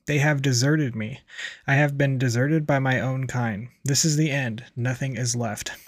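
A man's voice: mid-range voice, steady tone, moderate pace, no echo, studio quality, lightly acted. A man reading as a brash sarcastic salesman. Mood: despairing.

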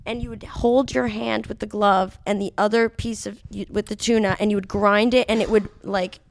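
A young woman telling a story in casual chat, animated and swearing freely, with lots of "like". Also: medium pitch, moderate pace, creaky.

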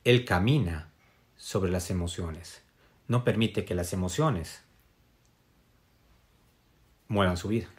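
A man's voice: sits low, slow pace, long pauses. A man giving a casual spiritual wellness talk to an audience. He speaks reflectively, with many fillers and tag questions. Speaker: motivational speaker.

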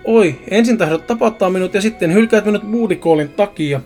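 A man's voice: high voice, a little mellow, faint music behind, pitched above the performer's own voice. A man voicing a jealous, sarcastic young man who accuses and threatens, in a spoken story.

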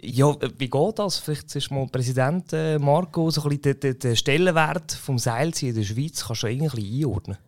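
A man with a Swiss German accent speaks as a podcast host. His pitch is average for a man, and he puts his questions loosely and informally, as in a relaxed interview. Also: a little fast, hardly any pauses. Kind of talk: casual interview.

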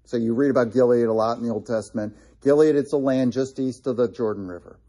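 A man leads a relaxed Bible lesson, walking listeners through a map with plenty of ums and false starts. His voice is husky and a little breathy. The tone sits dark and mellow throughout. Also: mid-range voice, fast talker. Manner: conversational, with frequent fillers and restarts; points out places on a map while explaining. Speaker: Bible teacher. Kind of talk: casual Bible study teaching.

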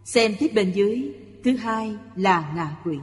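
A speaker reading a Buddhist sutra commentary aloud in a measured, explanatory way. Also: medium pitch, faint music behind. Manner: slow, even, explanatory delivery. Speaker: reader of a Buddhist lecture. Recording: long hall reverb.

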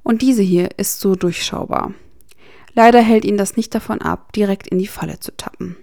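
A woman reading fan fiction aloud as an audiobook, in steady storytelling narration. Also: medium pitch, normal speed, vocal fry, no echo, clean studio sound. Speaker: audiobook reader.

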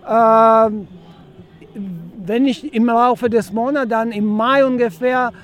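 High-voiced, slow man with Ukrainian accent. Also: steady tone. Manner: hesitant, many filler sounds. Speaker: protester. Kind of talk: street interview.

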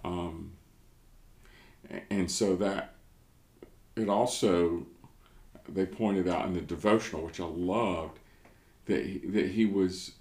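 A very low-pitched man talks through faith in an easygoing, thoughtful way. He is an American pastor who often restarts his sentences as he searches for the right words. His voice bounces around a roomy, echoing space. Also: takes it slowly, pauses often, darkish tone. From United States. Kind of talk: casual devotional discussion.

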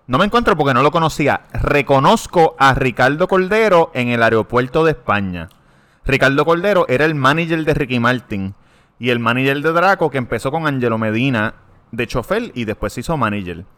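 A man's voice: mid-range voice, a bit bright. A man chatting on a podcast, telling rowdy stories and laughing through them. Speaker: podcast co-host. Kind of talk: casual chat, telling a bawdy anecdote.

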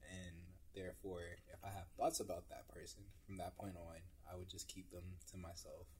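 A man's voice: deep voice, flat delivery, moderate pace, darkish tone, slight background noise. A young man co-hosting a podcast in casual chat, answering thoughtfully about how he feels. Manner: jokey, laughs easily, then earnest when reflecting. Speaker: podcast co-host.

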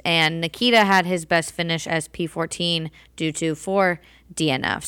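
Brief: young woman, smooth clear voice, brisk podcast co-host. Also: fairly low pitch, fairly bright tone, no echo, clean studio sound. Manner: brisk, matter-of-fact, quoting stats. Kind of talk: casual chat.

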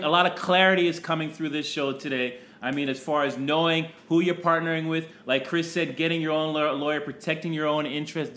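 A man's voice: fairly high pitch, fairly bright tone, echoey room. A man hosting a business podcast with emphatic energy, hyping the listeners and praising his guest. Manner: emphatic, hypes the audience. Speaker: podcast host.

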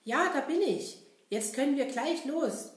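A woman voicing a cheerful, cheeky male puppet jester, talking excitedly to children. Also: high-pitched, a little slow, pitched above the performer's own voice. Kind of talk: children's audio puppet play. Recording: roomy echo.

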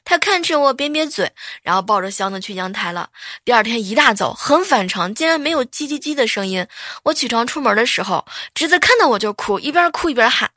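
A woman with a bright, forceful voice reels off short comic anecdotes, jumping into the voices of the people she quotes. Her voice sits a little high, and the sound is dry and close. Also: brisk, no room sound. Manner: lively, acts out quoted lines with big pitch jumps. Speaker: joke storyteller.

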